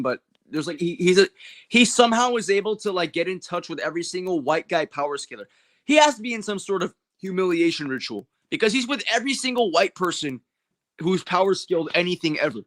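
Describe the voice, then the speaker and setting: A man from California with a standard American accent fields viewer questions on his livestream, speaking bluntly, using lots of slang and heavy swearing. His voice is high-pitched and a bit bright, with lively intonation and a fairly quick pace.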